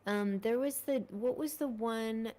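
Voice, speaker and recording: A woman co-hosting a podcast in casual chat, full of quick asides. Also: fairly high pitch, a little mellow. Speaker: podcast co-host.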